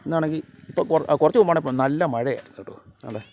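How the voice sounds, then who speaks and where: Man, casual outdoor pet vlog, slightly high voice, dull phone audio, calls animals loudly. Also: racing, a little hiss or hum. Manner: calls and scolds animals in raised voice, chats softly to viewers. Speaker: vlogger. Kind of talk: casual vlog narration to camera while feeding pets. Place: outdoors around a rural house yard.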